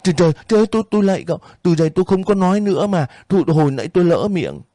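A man's voice: a little high, expressive, moderate pace, warm tone, no room sound, studio quality, voice pushed up, close to an everyday voice. A man voicing a stingy, cruel and cowardly older woman landowner in an audiobook reading, scolding shrilly and pleading in a panic.

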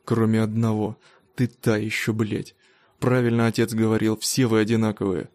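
Man voicing a bitter jealous husband, loud, accusing, mellow dark tone, dry sound. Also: fairly low pitch, level tone, no echo, close to an everyday voice. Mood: furious. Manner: loud and accusing, slow emphatic delivery. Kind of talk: audiobook reading.

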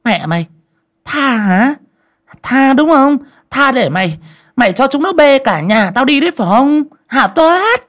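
A man's voice: on the high side, very animated, moderate pace, long pauses, pitched above the performer's own voice. A man voicing a fat, cruel landlord's wife, who screeches and scolds shrilly. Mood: shrieking fury.

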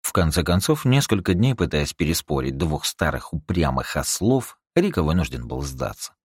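A man narrating a science fiction audiobook with an expressive storytelling reading. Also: very deep voice, moderate pace, slightly rough, dry recording, clean studio sound.

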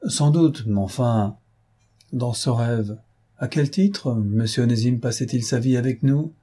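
Kindly middle-aged father, fond and gently questioning, warm husky voice, as a reader voices him. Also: mid-range voice, a little slow.

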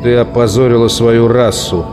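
A man's voice: medium pitch, steady tone, normal speed, close to an everyday voice. A man voicing a burly, bigoted male colonist who threatens and scorns, with a menacing, contemptuous delivery. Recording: long reverb with soft music.

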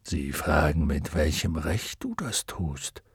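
A man voicing a huge, wise and gentle male luck dragon in an audiobook, murmuring slowly and solemnly. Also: lively intonation, husky, no echo, clean studio sound, full character voice. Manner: deep hushed murmur, slow and solemn. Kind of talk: audiobook character voice.

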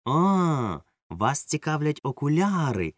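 A man's voice: medium pitch, animated, moderate pace, no room sound, studio quality, pitched above the performer's own voice, natural voice. A man voicing a stern, suspicious middle-aged woman yard-sweeper who is secretly a witch, in an audiobook. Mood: stern scolding. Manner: stern, scolding, sharp. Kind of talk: audiobook character voice.

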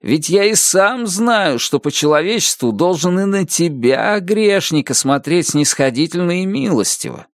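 A man voicing a cruel male officer who puts on a soft, sanctimonious tone. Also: high-pitched, animated, normal speed, hardly any pauses, dry recording, clean studio sound, pitched above the performer's own voice. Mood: mock-gentle. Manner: mock-gentle, sanctimonious. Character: sly, cruel male officer feigning kindness.

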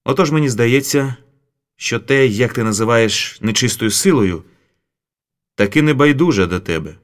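A man voicing a calm, sly male detective who speaks carefully. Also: medium pitch, moderate pace, natural voice. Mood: guarded.

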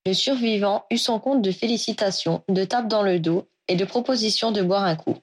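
Woman narrator, audiobook reading, steady storytelling, middle pitch. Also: normal speed. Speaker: reader. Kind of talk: audiobook reading of fan fiction.

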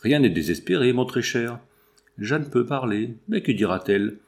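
A man's voice: mid-range voice, lively intonation, normal speed, creaky. A cynical middle-aged accomplice talks in an easy, reassuring manner while proposing something ruthless, as a male reader voices him. The voice stays close to the reader's own. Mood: scheming.

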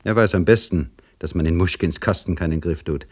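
A man reading a story, voicing a bitter, sly male livery servant who grumbles loudly and mocks. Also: low voice, brisk. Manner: loud, complaining and mocking.

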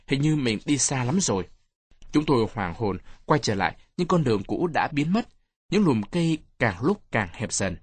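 Husky male storyteller with lively pitch. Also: no echo. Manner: expressive reading with changing voices. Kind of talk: audiobook narration of a first-person story.

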